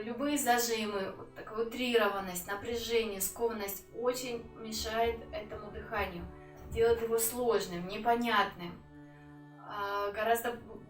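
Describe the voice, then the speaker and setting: A woman giving an instructional breathing lesson as a yoga teacher, calm and unhurried, with pauses between phrases. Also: on the high side. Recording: roomy echo, distant mic, music.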